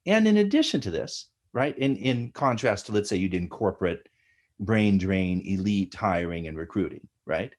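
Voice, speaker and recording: A middle-aged American man, an academic guest, explains ideas in an animated lecturing way, often tagging his points with "right?". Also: fairly low pitch, moderate pace. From United States. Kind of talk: explanatory interview talk.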